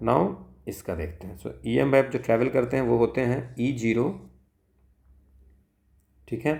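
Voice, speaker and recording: In an echoey recording, a man with a gravelly, a little mellow, mid-range voice talks a little slowly. As a physics tutor with an Indian accent, he solves exam problems out loud step by step, switching between Hindi and English and regularly adding short check-in tags.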